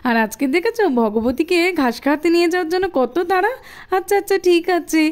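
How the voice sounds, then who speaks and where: A woman's voice: very high-pitched, expressive, fast talker. A woman voicing a busy, scolding but kind village mother in a doll cartoon. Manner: bustling, scolding. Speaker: voice performer. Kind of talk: doll cartoon narration and voice acting.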